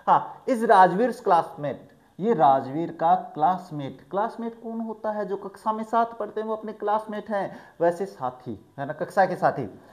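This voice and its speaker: A male teacher from Rajasthan, explaining an English lesson in a lively way, asking questions and acting out vendor calls. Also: sits high, a little slow. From Rajasthan, India. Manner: lively, asks the class questions and acts out street vendor calls. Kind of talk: bilingual classroom explanation of an English chapter.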